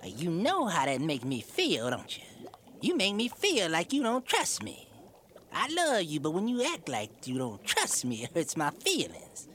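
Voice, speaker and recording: A woman's voice: deep voice, wildly swooping pitch, unhurried, a bit bright, a little hiss or hum, exaggerated voice. A woman playing a controlling, abusive boyfriend in a radio comedy sketch, wheedling and menacing. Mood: wheedling threat.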